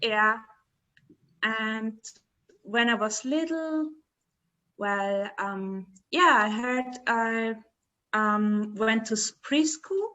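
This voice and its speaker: A woman in her twenties from the Dominican Republic, a podcast guest talking in a halting way, searching for words. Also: fairly high pitch, bright, forceful tone. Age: 20s. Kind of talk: casual interview chat.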